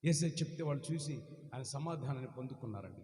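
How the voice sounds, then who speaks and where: A pastor preaching a fervent sermon, swinging between loud exhortation and hushed storytelling. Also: male voice, mid-range voice, animated, fast. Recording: echoey hall with music.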